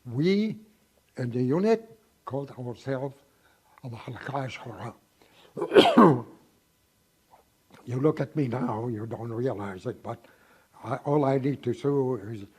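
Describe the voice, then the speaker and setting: In an oral history interview, a man in his nineties reminisces haltingly, pausing often and restarting his thoughts. His medium-pitched voice has lively intonation, a darkish tone, and a breathy edge.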